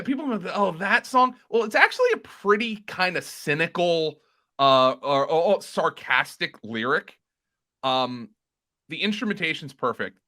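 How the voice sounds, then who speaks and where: A man's voice: medium pitch, bright, forceful tone. A man co-hosting a podcast, chatting enthusiastically and rambling a little, with fillers and restarts. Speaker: podcast co-host. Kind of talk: casual chat.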